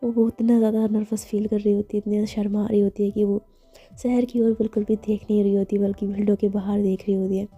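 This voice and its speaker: Husky-voiced woman telling a story. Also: medium pitch, fast, faint music behind. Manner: chatty, relaxed, fillers. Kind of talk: casual spoken storytelling.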